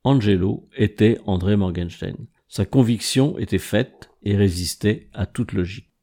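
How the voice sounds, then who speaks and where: Male audiobook narrator, low gravelly voice, measured first-person reading. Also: warm tone. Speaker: audiobook reader.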